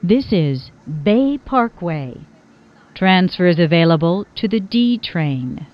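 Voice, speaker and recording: In a dull, lo-fi recording, a slightly low-voiced woman delivers formal, scripted subway announcements as the train's automated voice. Each word is clearly articulated at a very slow, measured pace, and her pitch moves up and down in a lively way.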